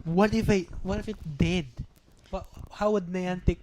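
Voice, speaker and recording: A woman's voice: fairly low pitch, fairly even intonation, normal speed, a little mellow, slight background noise. Chatty teasing woman, podcast co-host. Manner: chatty, teasing, laughs often. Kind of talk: casual chat.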